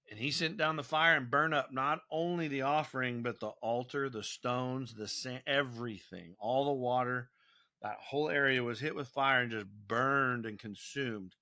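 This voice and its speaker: Guy doing a bible teaching podcast, kinda high voice, really forceful and sharp, keeps restarting words. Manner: animated, repeats and restarts words. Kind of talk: devotional scripture teaching.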